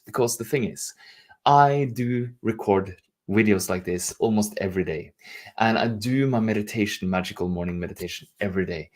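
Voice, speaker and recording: Talking casually to his livestream audience, a Norwegian life and leadership coach, a native speaker with a Norwegian accent, addresses the camera warmly and effusively. He has a fairly low-pitched voice with a darkish tone.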